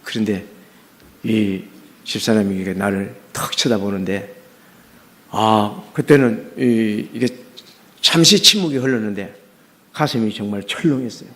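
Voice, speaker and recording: A man's voice: on the low side, a little slow, pauses often, fairly bright tone. A middle-aged man, a pastor, preaching a sermon as personal testimony, talking earnestly with many fillers and restarts.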